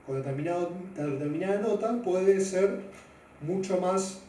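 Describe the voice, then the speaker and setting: A man gives a physics lesson in a loose, halting way, full of fillers. His mellow voice sits a little high for a man. He is heard from a distance in a very echoey room, with a faint hiss behind him. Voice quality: deep-voiced by his own account. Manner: loose, hesitant explaining with many fillers. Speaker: physics teacher.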